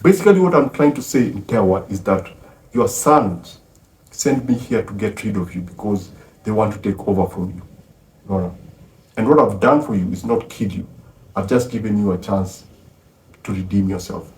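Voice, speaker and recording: A man's voice: fairly low pitch, normal speed, darkish tone, close to an everyday voice. A man voicing a cold, stern old patriarch who lectures his family. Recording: roomy, distant from mic.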